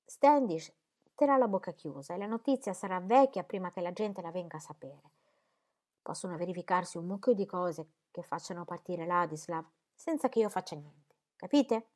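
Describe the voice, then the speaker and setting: A woman reading the lines of a placid, stubborn older gentleman who rambles mildly. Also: lowish voice, animated, moderate pace, lightly acted. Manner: rambling, mild, keeps asking "capite?". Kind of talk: audiobook character reading.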